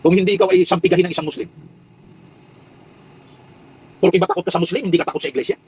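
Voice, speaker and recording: A man's voice: sits high, fairly even intonation, racing, darkish tone, slightly rough, low-quality recording. A man delivering an impassioned commentary monologue, preaching with rhetorical questions and repeated emphatic lists.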